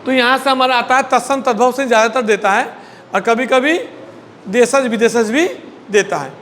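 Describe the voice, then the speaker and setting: A man's voice: extremely high pitch, moderate pace, a bit bright, long reverb tail, a little hiss or hum. A man teaching a Hindi class, drilling word pairs, repeating each word and prompting students to answer. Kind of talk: classroom lesson.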